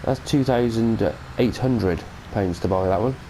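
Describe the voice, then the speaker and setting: A British man who runs a gaming channel has a cold and chats his way through a rambling farming-game mod review, amending what he says as he goes. His voice is lowish and dark, and he takes his time. The audio is poor, with slight background noise.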